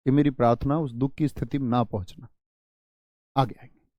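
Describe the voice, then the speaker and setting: A male teacher giving an exam-prep grammar lesson, stressing and repeating example words in a drawn-out way. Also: mid-range voice, steady tone, no room sound, highs cut off.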